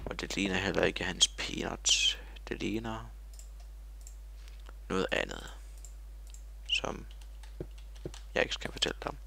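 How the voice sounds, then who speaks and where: A man rambling through video game commentary with lots of fillers and silly asides. His voice sits very low, with a gravelly fry and a bright, forceful edge. His pitch jumps about in a lively way as he jokes to himself. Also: pauses often. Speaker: gamer.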